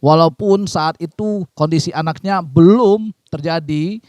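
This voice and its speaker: A man's voice: a little high, measured pace, a little mellow, no echo. Fervent man exhorting viewers. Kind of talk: preaching address to viewers.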